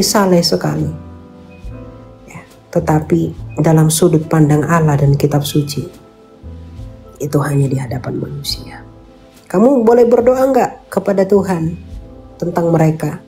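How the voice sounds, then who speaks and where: Low mellow woman counseling earnestly. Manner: earnest, coaxing, repeats points, mixes in English phrases. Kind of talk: casual faith counseling talk.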